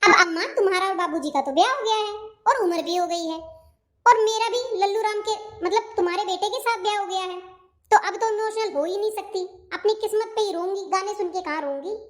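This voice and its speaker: A woman's voice: very high voice, fairly quick. A woman voicing a married young daughter-in-law in a cartoon, wry and teasing about married life. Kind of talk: Hindi cartoon voice acting.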